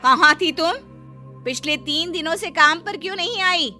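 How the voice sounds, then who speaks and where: A woman's voice: high-pitched, moderate pace, bright, forceful tone, faint music behind. A woman voicing a stern rich mistress of the house in a cartoon story, scolding her maid. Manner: scolding, commanding. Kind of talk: Hindi cartoon story dubbing.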